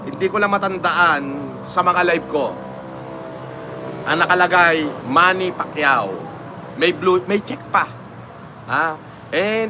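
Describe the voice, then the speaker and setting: Filipino man, fairly high voice, live-stream host, mocking, laughs a lot, traffic noise behind. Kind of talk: casual live-stream chat, reading comments.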